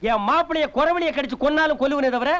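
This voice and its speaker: A sarcastic village joker. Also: male voice, very high-pitched, fairly bright tone, lo-fi sound. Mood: mocking. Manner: rapid scolding wisecracks. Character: sarcastic middle-aged village man, quick mocking retorts. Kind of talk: 1990s film comedy dialogue.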